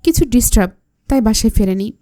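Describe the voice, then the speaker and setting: A woman's voice: a little high, expressive, fast, mellow, no echo, studio quality, close to an everyday voice. A woman voicing a curt, serious man in his thirties. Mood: grave. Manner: grave, curt.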